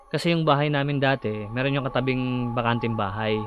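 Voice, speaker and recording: A man casually telling a personal horror story about sleep paralysis, halting and acting out his own shouts. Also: medium pitch, fairly even intonation, music in the background. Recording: slightly dull audio with clear background noise.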